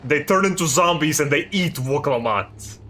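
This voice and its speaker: A man streaming a video game, ranting and swearing in exasperated, loud commentary about the story. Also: on the high side, animated, moderate pace, a little hiss or hum. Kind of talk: live gameplay commentary.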